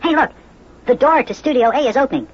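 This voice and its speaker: An excitable young boy singer. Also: extremely high pitch, fast talker, breathy edge, exaggerated voice. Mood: eager. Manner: excitable, wide-eyed, chatty. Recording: dull old record with band music.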